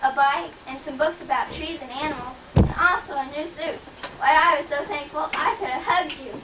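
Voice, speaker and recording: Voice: high-pitched, steady tone, a little fast, roomy sound, close to an everyday voice. A child playing an earnest, pleading little girl in an amateur Christmas stage play, recorded on noisy tape from far off. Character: eager, pleading little girl hiding in a box.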